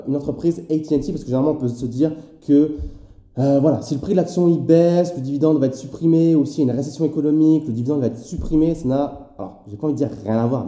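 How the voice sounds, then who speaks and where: Fast-talking man in an echoey room. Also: mid-range voice, warm tone. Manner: chatty, addresses viewer informally, many fillers. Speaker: finance YouTuber. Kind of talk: casual explanatory video.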